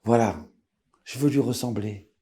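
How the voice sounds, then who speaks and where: A man, a rabbi, giving an animated storytelling sermon and acting out the voices of the people in it. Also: mid-range voice, a little slow. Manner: lively swings between loud and hushed.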